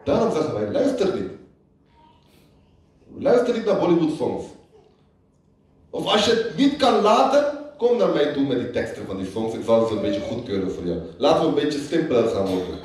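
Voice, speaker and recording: A man's voice: fairly high pitch, huge pitch swings, moderate pace, long pauses, darkish tone. A man giving a sermon as a religious lecturer, who repeats lines for emphasis and half-sings quoted lyrics. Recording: echoey hall, voice picked up from far off.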